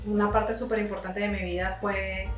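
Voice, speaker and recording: A Venezuelan woman in her thirties, a violist and music teacher, tells her story as a guest in a relaxed, unhurried way, often using "este" as a filler. Her voice is mid-range with a level tone, recorded on a distant mic with roomy echo and faint music.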